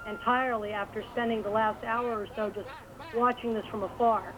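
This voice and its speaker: A field reporter delivering a rapid, urgent report from the street. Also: mid-range voice, level tone. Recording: dull lo-fi feed with clear noise.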